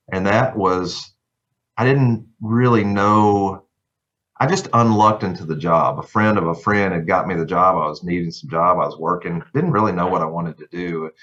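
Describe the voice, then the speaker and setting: Low-voiced Southern man telling stories. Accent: Southern American. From Tennessee. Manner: folksy, warm storytelling with laughs. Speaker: guest lawyer. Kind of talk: casual podcast interview. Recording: somewhat dull lo-fi sound.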